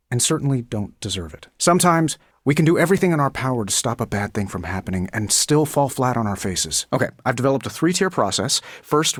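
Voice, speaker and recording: Video game superhero played by a man: American billionaire inventor, self-assured and sarcastic, quipping with lively, swooping intonation, close dry recording. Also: medium pitch, no room sound, lightly acted. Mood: rueful, then brisk, confident. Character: wisecracking, cocky billionaire genius superhero inventor, adult man. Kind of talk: video game character voice lines.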